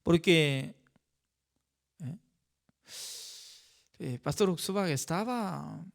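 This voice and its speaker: A male pastor leading a Bible study, talking in a halting way with non-native phrasing and frequent rhetorical asides. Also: a little high, lively intonation, vocal fry.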